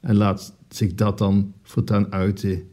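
A man's voice: on the low side, monotone, slow, warm tone. A man, a priest, preaching a sermon in an earnest way, asking his listeners rhetorical questions.

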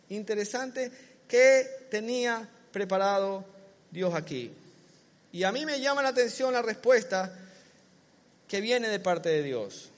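A man preaching a sermon in a church, animated and acting out little dialogues between people and Jesus. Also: sits high, big-room sound.

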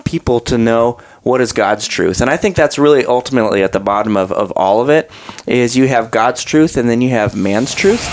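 A man speaking casually and conversationally as a podcast guest. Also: mid-range voice.

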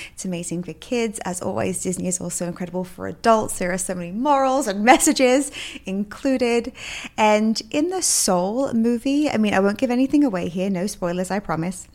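An upbeat woman hosts her solo self-help podcast and laughs often as she talks. Her pitch sits in an ordinary middle range. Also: fairly quick, a little mellow. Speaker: podcast host.

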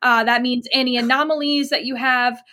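A woman's voice: high voice, little pitch movement, fairly quick, sharp tone. A woman narrating a tabletop game as game master. She is chatty, searches for words and laughs easily.

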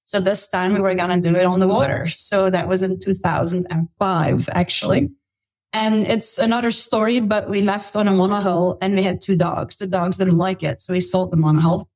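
A woman's voice: on the low side, darkish tone. A middle-aged woman from Belgium, a podcast guest, telling her travel story in a chatty way with laughs and restarts. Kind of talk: casual interview storytelling.

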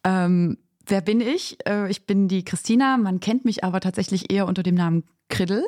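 A woman's voice: mid-range voice, moderate pace. Chatty Belgian-born woman podcast guest. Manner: chatty, lively, laughs often, many fillers. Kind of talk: casual chat.

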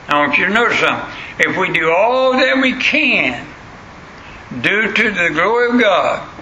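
A sharp-toned, slightly high voice belongs to an older man with a rural Southern accent and old country sound, delivering a plain, folksy sermon that repeats phrases for emphasis. The room echoes and faint background noise is present.

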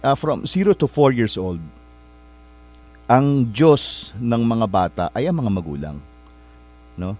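A male host tells a motivational story at a middle pitch. He speaks politely to his listeners, rambling a little and stopping to find words or fix what he just said. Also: animated, slow, long pauses, a little mellow. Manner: polite, addresses listeners with respectful particles; rambling, searches for words and corrects himself.

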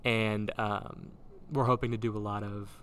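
A man hosting a casual chat in a halting, circling way, recorded in a large old gym with big-hall echo. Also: on the low side, little pitch movement, a bit bright. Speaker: podcast host and theater director. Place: large old gymnasium used as a theater, indoors. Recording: roomy big-hall echo, background noise.

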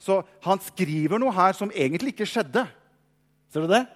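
Man preaching lively in a reverberant hall. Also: high voice. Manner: lively storytelling, acting out quoted voices, repeats words. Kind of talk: sermon.

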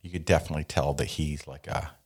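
A man's voice: extremely low pitch, steady tone, fast. A man hosting a casual podcast, chatting in a joking, self-deprecating, rambling way. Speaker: podcast host. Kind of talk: casual chat.

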